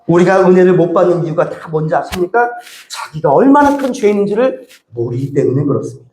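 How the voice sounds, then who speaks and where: A male pastor preaching a sermon, acting out prayers and pleas in an animated way. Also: high voice, fast, roomy sound, a little hiss or hum. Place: church sanctuary.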